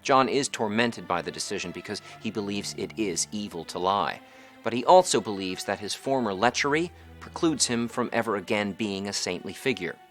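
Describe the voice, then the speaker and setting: Low-voiced man narrating a summary. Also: lively intonation, normal speed, a bit bright. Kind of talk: scripted plot summary narration. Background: faint background music.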